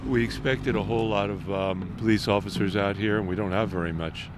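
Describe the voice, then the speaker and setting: A man's voice: lowish voice, steady tone, a little fast. A man working as a field reporter, chatting and interviewing people outdoors by a road. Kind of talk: on-location interview. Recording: clear outdoor traffic noise.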